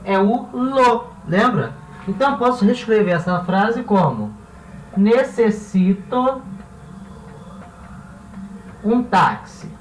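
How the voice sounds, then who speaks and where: A Brazilian man teaching a Spanish grammar lesson in Portuguese. He keeps checking in with his students and slows down to spell out example words. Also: sits high, recorded from a distance. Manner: checks in constantly with "tá?" and "certo?". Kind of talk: classroom-style lesson explanation. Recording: roomy sound, voice a bit off-mic, faint hiss.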